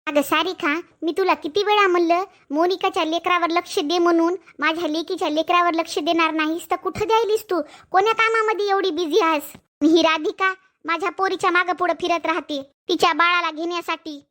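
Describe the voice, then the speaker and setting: Casting note: woman as a sharp-tongued, scheming village mother-in-law, voice sits high, scolds nonstop. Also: steady tone, brisk. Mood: scornful. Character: harsh scheming middle-aged mother-in-law. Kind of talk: Marathi village family drama acting.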